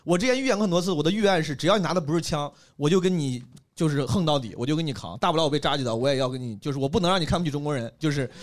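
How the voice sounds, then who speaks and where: A man's voice: fairly high pitch, very fast. A young man from Henan, a stand-up comedian, telling a story in a casual chat and laughing as he goes. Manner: animated, laughs while telling stories.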